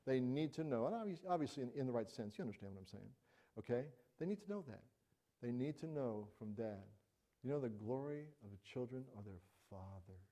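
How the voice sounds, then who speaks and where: A middle-aged man preaches with a mellow, warm voice of middling pitch. He talks conversationally and animatedly, acting out small everyday examples as he goes. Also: lively intonation, brisk. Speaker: pastor. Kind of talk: sermon.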